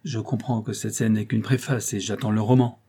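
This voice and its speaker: Man doing guarded vain young man, dark husky own voice. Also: on the low side, flat delivery, fairly quick.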